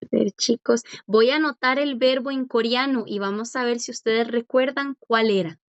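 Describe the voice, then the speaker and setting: A woman's voice: a little high, steady tone, normal speed, no echo. A woman teaching a language class, patient and encouraging as she quizzes students and praises their answers. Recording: dull lo-fi dry audio.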